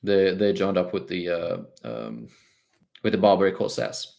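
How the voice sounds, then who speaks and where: A young Swedish man speaks English with a light British lean over his Swedish accent, in a slightly low voice. He answers viewer questions on a casual livestream, pausing often with ums and uhs and restarting his sentences. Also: animated, creaky, darkish tone. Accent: Swedish-tinged British English. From Sweden. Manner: hesitant, many fillers and restarts.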